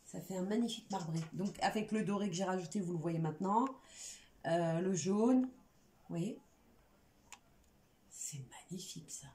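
A woman's voice: fairly low pitch, moderate pace, long pauses, dark tone. Lisping woman giving a chatty craft tutorial. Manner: slight lisp on s sounds. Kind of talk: informal hands-on tutorial, chatty running commentary. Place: indoor room at a craft table. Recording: echoey room, faint background noise.

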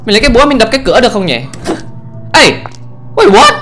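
Excitable gamer man. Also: high-pitched, very fast, faint music behind. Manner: excitable, exclaiming and swearing casually. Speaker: gamer, channel host. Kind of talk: let's play commentary on a horror game.

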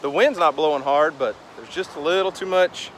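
A chatty man in his thirties narrates his fishing day to a handheld camera out on the beach. His voice sits a touch high. Faint wind and surf hiss behind him. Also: moderate pace, a bit bright. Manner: upbeat, chatty, talks to camera. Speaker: fishing vlogger. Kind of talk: casual outdoor vlog. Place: windy beach outdoors. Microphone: handheld camera at arm's length.

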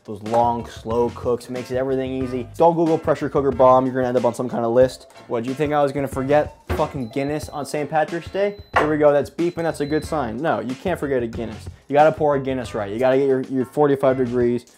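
Male cooking-vlog host, quick fast patter, crude jokey humor, home kitchen. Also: medium pitch, a little mellow, faint music behind. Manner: joking and profane, chatty.

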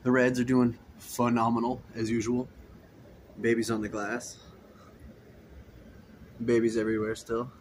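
A man's voice: medium pitch, monotone, a little slow, pauses often, a little mellow, a little hiss or hum. A man casually walking through his fish room, filming on a handheld phone and chatting in an easygoing, rambling way. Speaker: aquarium hobbyist vlogger. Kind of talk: casual tank walkthrough. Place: indoor fish room with rows of tanks. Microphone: handheld phone camera.

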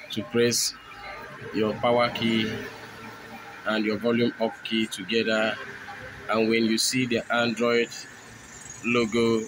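Flat-voiced man giving a phone tutorial. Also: lowish voice, background noise. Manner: instructive, repetitive phrasing. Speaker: tech tutorial host. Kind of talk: step-by-step phone tutorial narration.

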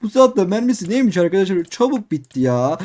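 Young man, high voice, fast talker, excitable, game commentary, repeats himself. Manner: excitable, repeats phrases, addresses viewers. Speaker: gaming youtuber. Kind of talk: let's play commentary.

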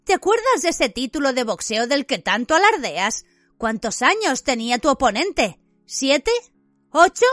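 A woman narrating an audiobook, voicing an angry, defiant teenage boy who snaps sharp threats at his cousin. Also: sits high, sing-song, moderate pace, no room sound, studio quality, soft background music, voice pushed up. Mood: mocking. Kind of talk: audiobook character voice.

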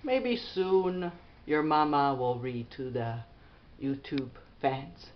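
A woman introducing a home video and gently prompting her child as he reads a story aloud. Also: a bass voice, slow pace, muffled recording. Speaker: parent prompting a child reader.

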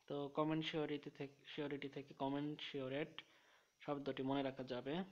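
A man's voice: medium pitch, level tone, a little mellow. Methodical man teaching vocabulary, lo-fi sound. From Bangladesh. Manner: methodical, lists synonyms one by one; slows down to read example sentences. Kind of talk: explaining English vocabulary with mnemonics. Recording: dull lo-fi recording.

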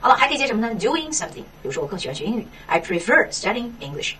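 A woman teaching an English textbook lesson in Mandarin, asking herself questions and tagging many lines with a quick "right?". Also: medium pitch, recorded from a distance, slight background noise. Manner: lively, rhetorical questions, frequent "是吧".

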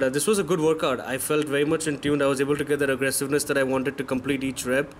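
Speaking in a mid-range voice, a man in his thirties gives frank voice-over commentary on clips of his own training, correcting himself as he goes. He's a fitness vlogger, the track wasn't recorded in the pictured gym, and there's a little background noise.

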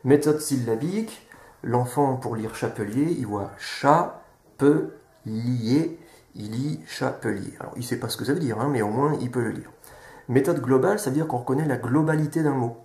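A man calmly explaining to viewers how children learn to read, sounding out syllables one by one. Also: medium pitch, brisk. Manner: patient, sounds out syllables step by step. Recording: echoey room.

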